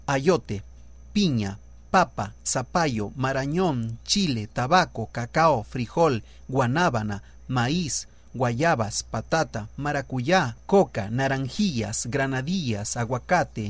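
A man's voice: a little high, dry recording. A man reading numbered writing tips from a script and going through long lists one item at a time. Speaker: writer giving writing tips.

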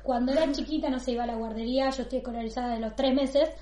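A woman's voice: high voice, fairly even intonation, rapid-fire, reverberant, crowd noise. A young woman with an Argentine accent, telling stories expressively in a casual podcast chat. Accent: Argentine Spanish. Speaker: podcast co-host.

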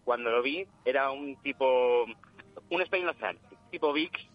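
A man calling in to a show over the phone, telling anecdotes in an unhurried, chatty way. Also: medium pitch. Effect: heard over the phone. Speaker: caller. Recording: muffled phone line.

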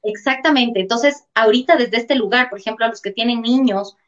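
A woman with a slightly high voice talks a little fast as a talk-show guest discussing emotions and trauma. She explains earnestly and often checks in with rhetorical questions. The recording has a dull, lo-fi sound.

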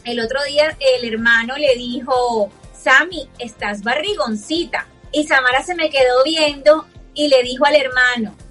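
A woman's voice: sits high, steady tone, normal speed, hardly any pauses, a bit bright, faint music behind. A woman in a casual panel chat about parenting, telling stories animatedly and acting out the dialogue she quotes. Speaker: co-host.

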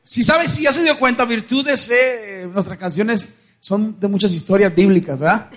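A man's voice: high-pitched, normal speed, fairly bright tone. A man with a Mexican accent telling a Bible story at a church concert, asking the crowd questions and acting out voices. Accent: Mexican Spanish. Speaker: worship band singer preaching between songs.

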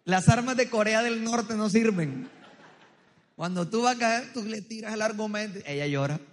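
High-voiced coastal preacher, joking. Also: male voice, normal speed. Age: adult, married. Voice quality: loud, strong voice. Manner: joking, storytelling, quizzing the crowd. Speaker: pastor. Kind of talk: humorous sermon with audience interaction. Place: large church hall with tiered seating. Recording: long reverb of a big hall.

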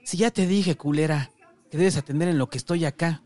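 A man voicing a foul-mouthed, short-tempered crippled male dealer, harsh and full of shouted curses. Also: medium pitch, animated, quick pace, natural voice. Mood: yelling furious. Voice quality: harsh, cursing, shouting bursts.

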